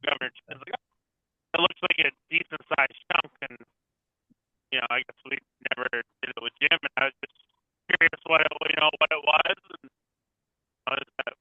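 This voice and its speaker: A man's voice: a little high, normal speed, long pauses, dry recording. Man on a phone call that keeps breaking up. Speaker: caller joining a meeting by phone. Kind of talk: casual meeting discussion. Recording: tinny phone line cutting out.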